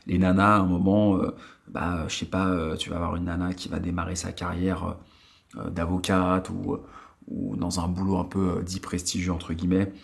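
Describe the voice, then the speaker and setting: A man's voice: sits low, little pitch movement, normal speed, creaky. A man in his late thirties from France, hosting a watch vlog in casual chat, rambling with many fillers and restarts, recorded in a countryside attic. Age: 30s. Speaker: watch channel host. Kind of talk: casual vlog talk to viewers.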